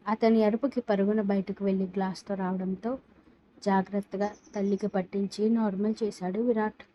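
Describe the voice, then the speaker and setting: A woman narrating a dramatic story aloud in a steady, even reading voice. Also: medium pitch, moderate pace, highs cut off, slight background noise.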